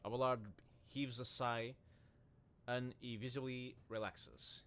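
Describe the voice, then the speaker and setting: A man's voice: mid-range voice, little pitch movement, slow, a bit bright, a little hiss or hum. A man streaming, reading out a video game's narration in a casual, musing way. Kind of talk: reading a video game aloud.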